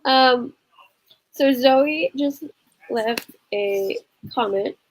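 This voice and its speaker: A woman's voice: a little high, very slow, low-quality recording. A young adult woman hosts a casual live-stream conversation. She speaks thoughtfully and laughs easily between points. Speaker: host.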